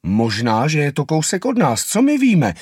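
A man's voice: a little high, huge pitch swings, darkish tone, breathy edge, dry recording, studio quality, pitched above the performer's own voice, exaggerated voice. A man voicing a small, hungry and impatient anteater boy in a children's storybook reading. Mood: bold. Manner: whiny, curious.

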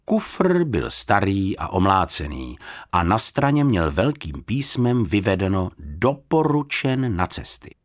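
Man reading an audiobook, lowish voice, really lively up and down delivery. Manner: expressive, animated reading. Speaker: audiobook narrator. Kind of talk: scripted audiobook narration.

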